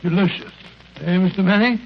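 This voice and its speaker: An actor playing a genial, rambling old English doctor with a fussy, stammering, chuckling manner, in 1940s radio style. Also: male voice, high voice, brisk. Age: older. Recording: muffled, noisy vintage radio recording.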